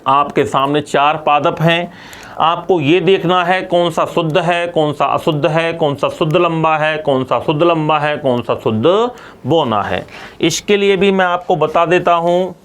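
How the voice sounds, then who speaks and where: Male science teacher, high ringing voice, call-and-response drilling style. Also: measured pace, fairly bright tone, smooth. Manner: asks students questions and answers them himself; repeats key terms for drilling. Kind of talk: classroom lecture.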